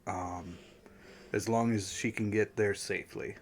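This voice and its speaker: A man running a tabletop game as game master, halting with many fillers and clearing his throat, losing his voice a little. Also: fairly low pitch, fairly even intonation, soft background music.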